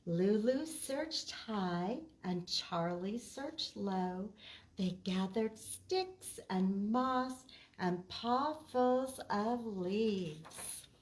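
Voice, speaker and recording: Reading picture books aloud to young children, this librarian keeps her mid-range voice expressive and speaks very slowly. She leads preschool storytime, explaining things plainly and chatting with the little ones.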